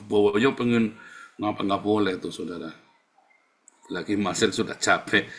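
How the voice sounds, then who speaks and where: Guy pastor, casual sermon, loose and animated, keeps asking the congregation questions. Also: lowish voice.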